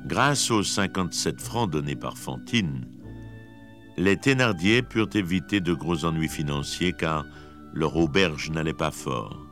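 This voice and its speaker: A man giving measured, expressive scripted narration of a classic story. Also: a bass voice, faint music behind.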